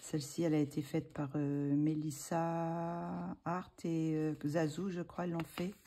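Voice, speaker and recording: A woman's voice: deep voice, level tone, a little slow, mellow, a little hiss or hum. A woman talking casually as a vlogger, hesitant and full of fillers as she thinks aloud. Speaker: vlogger showing coloring books. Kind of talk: casual chat.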